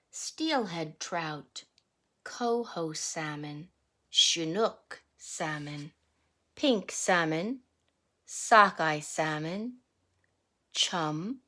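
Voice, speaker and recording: In the manner of a classroom teacher, a woman reads a rhyming picture book with care, stopping for explanatory asides and questions aimed at small kids. Her voice sits on the low side with a fairly bright tone.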